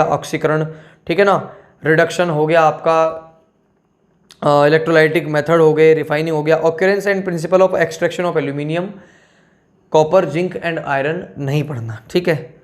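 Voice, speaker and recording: A man with a fairly high voice explains a syllabus to students in a casual, talky lesson. He checks in with "theek hai" after nearly every point and calls them children. His pace slows sharply whenever he reads out technical terms. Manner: switches between slow read-out terms and quick asides.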